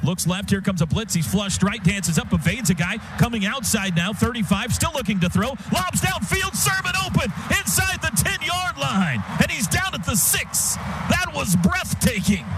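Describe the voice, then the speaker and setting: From a stadium radio booth, an American man with an extremely high voice calls live football play-by-play at a moderate pace, using clipped, vivid phrases that build into excited calls. Loud music and stadium noise sit behind the broadcast.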